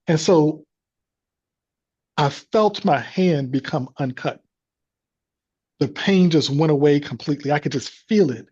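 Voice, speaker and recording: A man's voice: fairly high pitch, a little slow, pauses often, darkish tone, husky, muffled recording. A man telling a personal faith story as a guest, in an earnest, devout manner. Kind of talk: personal testimony.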